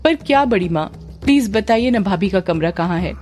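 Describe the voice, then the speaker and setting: A woman's voice: medium pitch, expressive, moderate pace, a little mellow, soft background music, natural voice. Woman as polite young man, easygoing, casual, storybook.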